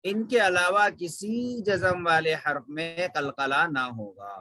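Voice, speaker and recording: A man's voice: a little high, slow, sharp tone, no echo, low-quality recording. A man teaching Quran recitation, patiently repeating syllables to show each sound. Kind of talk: slow tajweed lesson with drilled examples.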